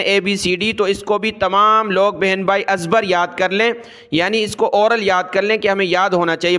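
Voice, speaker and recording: A man teaching Arabic letters for Quran reading, explaining quickly, then drawing out each letter slowly and repeating it three times. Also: sits high, bright, forceful tone, smooth. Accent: Urdu-speaking Pakistani. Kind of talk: slow drilled letter pronunciation lesson.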